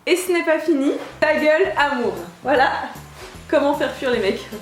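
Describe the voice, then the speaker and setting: A woman's voice: high-pitched, normal speed. A young woman from France chatting casually in a home vlog, bubbly and chatty with lots of fillers and restarts. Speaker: YouTuber. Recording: echoey room with light music.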